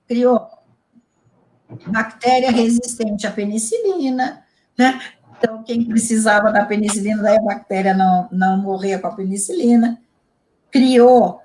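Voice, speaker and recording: Lively woman telling stories. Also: a little high. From Rio Grande do Sul, Brazil. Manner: animated, emphatic storytelling with repetitions. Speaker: integrative therapist guest. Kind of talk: casual interview chat.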